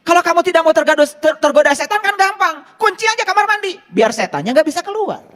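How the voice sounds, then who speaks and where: A man's voice: very high-pitched, lively intonation, quick pace, fairly bright tone. A man preaching a casual sermon, teaching with rhetorical questions. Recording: long hall reverb.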